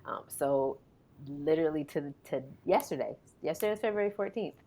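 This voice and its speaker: A woman's voice: deep voice, lively intonation, fairly quick, mellow. A woman in her thirties, a pediatric physical therapist, speaking earnestly as a guest in a podcast interview.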